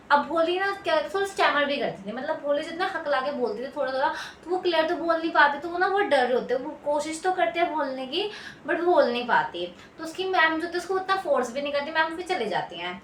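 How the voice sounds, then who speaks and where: A woman's voice: sits high, a bit bright. A woman tutor casually retelling a textbook story, rambling with many fillers and restarts. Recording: echoey room, distant mic, faint noise.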